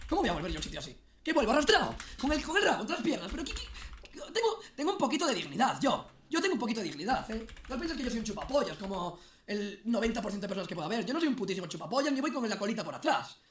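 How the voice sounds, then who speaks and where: A young man ranting angrily on a livestream, indignant and shouting at times. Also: high voice, reverberant, a little hiss or hum. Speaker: streamer. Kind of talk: heated livestream rant.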